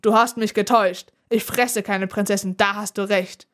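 A woman's voice: medium pitch, fairly even intonation, moderate pace, close to an everyday voice. A woman voicing a menacing male dragon who snarls and hisses his threats.

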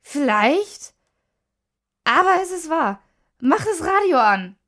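A woman voicing a frantic village woman who is breathless and shrill. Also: sing-song, slow pace, a bit bright, exaggerated voice. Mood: tipsy, insistent. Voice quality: shrill, panicked.

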